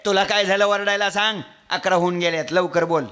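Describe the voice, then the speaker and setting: A man's voice: sits high, fairly even intonation, a little fast, sharp tone, clean tone. A kirtan preacher voicing a snappish, irritable rich old man in his sixties within a story. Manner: snapping, then wailing.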